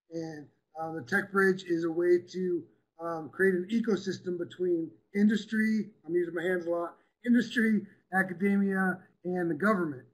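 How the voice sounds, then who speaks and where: A man giving a quick, upbeat, chatty presentation in an online meeting. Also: on the high side, low-quality recording.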